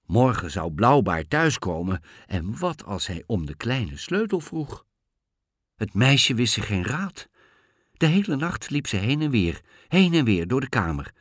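A man reading a fairy tale aloud in a lively, expressive way. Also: lowish voice, husky, dry recording, studio quality. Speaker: storyteller.

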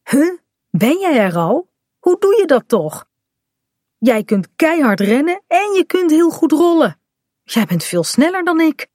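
A woman's voice: high-pitched, sing-song, measured pace, darkish tone, dry recording, pitched above the performer's own voice. Playful pirate boy, small and cheeky, voiced by a woman, dry close sound.

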